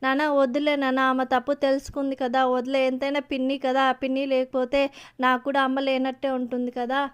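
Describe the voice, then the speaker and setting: A woman voicing a sweet, forgiving young girl in a children's story, talking in a soft, pleading way. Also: high voice, monotone, quick pace, clean tone, close to an everyday voice.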